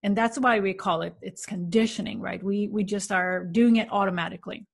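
A woman from Sweden, hosting a self-help podcast in a calm, earnest, coaching way. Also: medium pitch, fairly quick, creaky, slightly rough. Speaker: podcast host.

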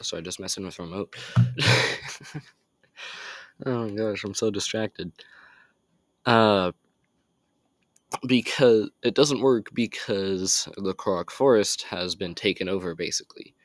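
A man's voice: lowish voice, unhurried, pauses often, dry recording. A teenage boy casually recapping a video game story, rambling, getting sidetracked and apologizing for it. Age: teens.

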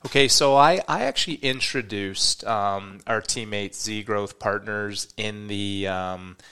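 A podcast host with a fairly low, resonant voice that sounds pushed, bright and clear opens his episode with enthusiasm at a measured pace. He then moves into the interview, asking questions in an upbeat, slightly rambling way.

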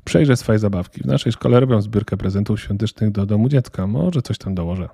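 A man's voice: fairly low pitch, brisk, creaky, warm tone, slightly rough, no echo, clean studio sound. A man voicing a spoiled, defiant eight-year-old girl who talks in a cold, smug, self-assured way.

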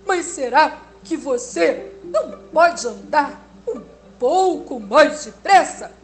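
A woman voicing a brisk, friendly little female dog in a storybook, loud and matter-of-fact. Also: high-pitched, animated, heavily acted. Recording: music playing underneath.

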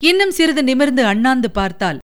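A woman presenter narrating a serialized novel aloud in a measured, expressive reading style. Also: sits high. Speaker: presenter and storyteller. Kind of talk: scripted audiobook narration.

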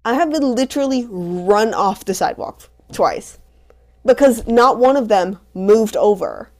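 A young woman co-hosting a podcast, telling stories in a casual, animated way with lots of "like" fillers. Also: medium pitch, a little slow. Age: young adult. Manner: animated storytelling, many "like" fillers. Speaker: podcast co-host. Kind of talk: casual chat.

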